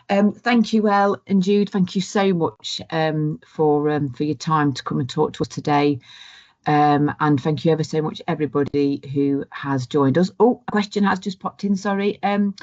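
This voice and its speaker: A woman's voice: on the low side, a little mellow. A woman hosting an online webinar, reading out audience questions and thanking the speakers. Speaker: webinar host. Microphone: video call. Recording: dull lo-fi call audio.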